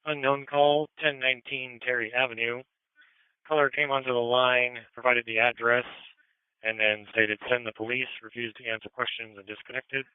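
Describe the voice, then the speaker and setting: A male dispatcher reads out calls on police radio in a flat, clear voice. The sound is narrow and phone-like, the phrasing procedural. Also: mid-range voice, moderate pace, no echo. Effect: police radio transmission. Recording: phone-like narrowband scanner audio.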